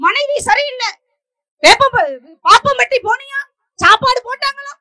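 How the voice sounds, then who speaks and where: A woman's voice: very high voice, normal speed, sharp tone, dry recording. A woman speaker at a comic stage debate, firing teasing questions at the judge and now and then breaking into song.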